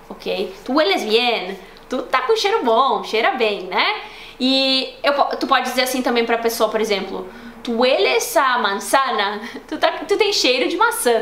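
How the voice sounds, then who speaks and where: A young woman with a Brazilian Portuguese accent, teaching a casual online language lesson in a chatty, explanatory way that slows down to model words for practice. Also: on the high side, fairly bright tone. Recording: roomy echo, faint background noise.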